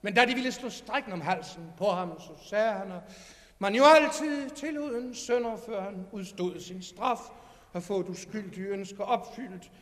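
High-voiced man reading a fairy tale. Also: expressive, fairly bright tone, in a large hall. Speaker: reader.

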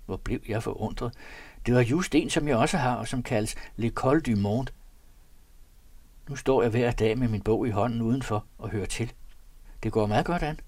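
A man reading an old diary aloud in an earnest, measured literary manner. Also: mid-range voice, darkish tone, dry recording. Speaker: narrator.

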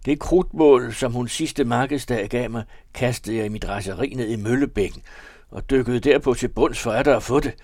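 A man's voice: medium pitch, a little mellow, no echo, studio quality, voice pushed up, close to an everyday voice. A man voicing a desperate, remorseful young man who pleads in a raised voice while reading a novel aloud. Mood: pleading.

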